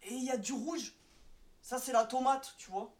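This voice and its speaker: A woman's voice: sits high, moderate pace, a little mellow, recorded from a distance. A woman doing an improvised comedy monologue and one-sided phone sketch, rambling, stammering and restarting as she goes. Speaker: comic performer. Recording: roomy and off-mic.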